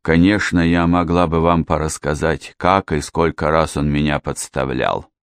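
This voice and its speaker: A male narrator voicing a theatrical, self-pitying widow who talks in a slow, wailing way. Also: rumbling low, steady tone, clear, resonant tone, no room sound, studio quality. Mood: bitter.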